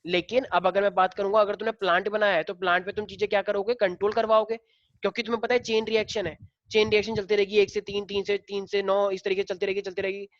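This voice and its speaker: A man's voice: high voice, level tone, fast, no echo, dull audio. A male teacher lecturing a class in a casual way, explaining step by step and firing questions at the students.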